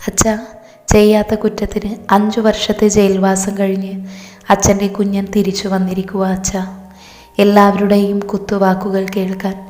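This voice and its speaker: A woman voicing a gentle young man, just home after years in prison, who speaks softly and tearfully. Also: mid-range voice, natural voice. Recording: roomy with long reverb.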